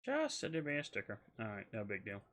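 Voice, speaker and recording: A man's voice: fairly low pitch, huge pitch swings, fast, a bit bright. A man from the South, chatting casually on a game stream, reading chat aloud with many hesitations. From Southern United States.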